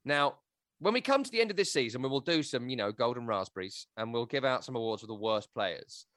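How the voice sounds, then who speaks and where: A man hosting a football podcast, talking in an animated, joking and scathing way. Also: medium pitch, fairly quick, no echo, clean studio sound. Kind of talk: casual football chat.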